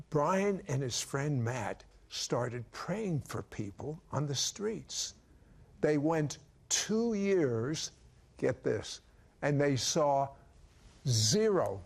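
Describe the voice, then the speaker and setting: Slow, emphatic male TV host. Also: on the high side. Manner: slow and emphatic, stretching key words. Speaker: TV show host.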